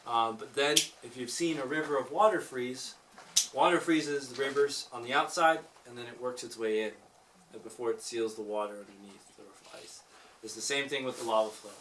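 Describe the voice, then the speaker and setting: A man's voice: medium pitch, normal speed. A man guiding a tour inside a cave, explaining things informally and putting questions to the group as his voice echoes. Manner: echoing cave guide, informal teacherly explaining; jokey asides. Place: inside a lava tube cave. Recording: echoey cave, distant mic, faint noise.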